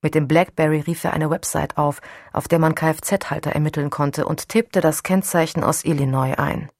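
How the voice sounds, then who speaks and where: Lady narrating an audiobook, low gravelly voice, close dry mic. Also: steady tone, moderate pace, darkish tone, no echo. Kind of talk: scripted narration.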